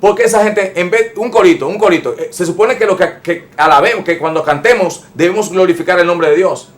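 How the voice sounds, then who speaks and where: A man's voice: sits high, brisk. A man pastor preaching an emphatic sermon, repeating phrases and speaking straight to his listeners as brothers. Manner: addresses listeners directly as brothers.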